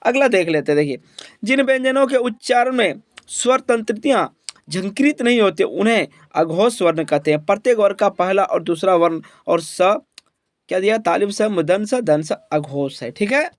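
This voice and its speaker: Man, high voice, teacher, exam prep lesson, asks and answers his own questions, dry close sound. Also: dry recording. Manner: repeats each point as a question and answer, "ठीक है?" checks.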